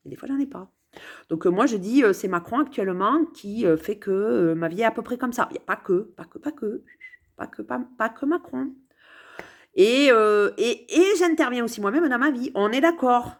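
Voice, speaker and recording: A woman's voice: on the high side, lively intonation, moderate pace. A woman musing playfully to camera from her sofa at home, meandering with many hesitations and repeated words. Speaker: vlogger. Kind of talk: rambling casual musing to camera.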